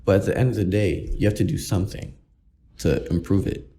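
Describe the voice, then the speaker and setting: A young man with a low, warm voice talks on a casual podcast. He explains his points with an assured, easygoing confidence. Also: steady tone, brisk. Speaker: podcast co-host. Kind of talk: casual reflective chat.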